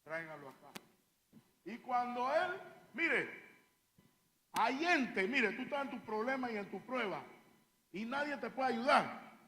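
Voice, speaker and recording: Man preaching hard, high bright voice, shouts the bible cries, echoey church hall. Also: lively intonation, unhurried, long pauses. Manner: often calls the listeners "hermano". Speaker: pastor. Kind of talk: sermon.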